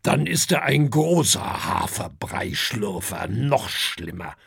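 A huge gluttonous dragon father with a hoarse, grumbling, gravelly voice, put on by a male storybook reader. He talks slowly and gruffly, with wide swings of pitch. The recording is close and dry. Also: very animated, a bit bright, no room sound, full character voice.

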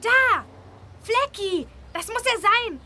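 A woman's voice: very high-pitched, animated, slow, noisy background, exaggerated voice. A woman voicing a clever, practical little boy in a children's audio drama, urging and a bit of a know-it-all. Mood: excited. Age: child character.

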